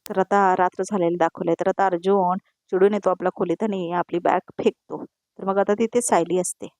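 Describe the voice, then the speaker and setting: A woman's voice: fairly low pitch, steady tone, fairly quick, a little mellow, dry recording. A woman narrating a TV episode recap in a conversational, opinionated way, repeating the same connecting words. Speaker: serial review narrator.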